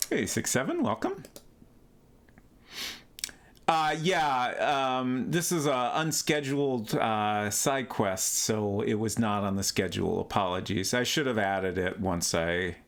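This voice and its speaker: A man's voice: on the low side, expressive, slow. A man giving casual live commentary as he streams a game.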